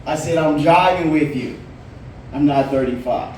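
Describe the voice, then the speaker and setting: A little high and a bit mellow, this man's voice runs at a moderate pace during his laid-back bar stand-up set. He's in his late forties, telling stories with punchlines, heard from afar in a roomy bar with some hiss or hum.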